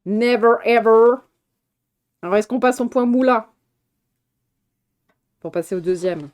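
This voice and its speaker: Talking casually about movies on stream, this woman rambles, curses, laughs often, starts over mid-thought and responds to viewers. She has a medium-pitched, slightly mellow voice and speaks at a moderate speed.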